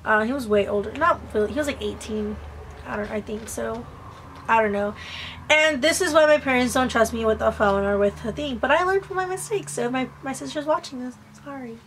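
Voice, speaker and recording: A young woman with a high voice tells a gossipy storytime to camera. She is chatty and slangy, swears freely, pokes fun at herself and acts out who said what. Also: fairly quick, fairly bright tone, slight background noise, poor audio. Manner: acts out quoted dialogue. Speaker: vlogger.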